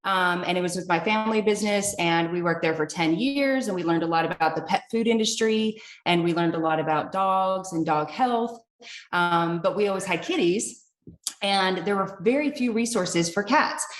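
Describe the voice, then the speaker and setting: A woman's voice: fairly low pitch, moderate pace, reverberant. A woman guest in an interview, speaking chattily with frequent filler sounds. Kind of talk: casual interview answer.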